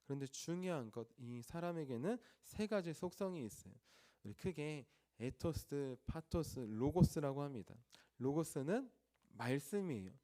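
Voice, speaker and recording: Dark-voiced Korean man preaching. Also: fairly high pitch, animated, moderate pace. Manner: asks the congregation questions and answers them himself. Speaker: pastor. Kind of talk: early morning sermon. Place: church.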